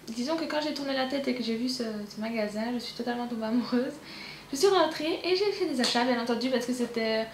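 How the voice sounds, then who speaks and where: A woman's voice: fairly high pitch, reverberant, slight background noise. A woman with a Belgian French accent, chatting in a bubbly, rambling way as a beauty vlogger showing a haul, filling her talk with "donc voilà". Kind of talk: casual haul video chat.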